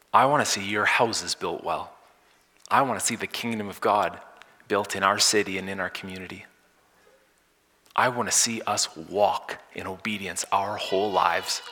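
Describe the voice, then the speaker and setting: A man preaching a sermon as pastor, swinging from loud emphatic lines to soft hushed ones. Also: on the low side. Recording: long hall reverb.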